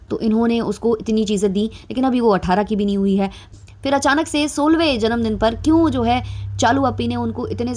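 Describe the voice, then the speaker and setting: A young adult woman's voice, on the high side and a little mellow, carries this gossip commentary vlog. She's chatty and mildly sarcastic, with lots of filler sounds.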